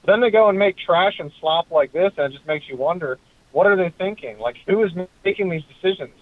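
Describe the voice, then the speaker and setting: A man's voice: high voice, lively intonation, fairly quick, dry recording. Man on a clipped phone line. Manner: opinionated, full of "like" and "you know". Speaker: caller. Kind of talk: casual call-in chat. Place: car.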